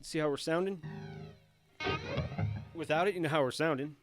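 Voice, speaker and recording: A man's voice: a little high, normal speed, loud music behind the voice. Self-deprecating man talking through gear settings. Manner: self-deprecating, thinks aloud while tweaking settings. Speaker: guitar tutorial host. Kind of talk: casual hands-on demo talk.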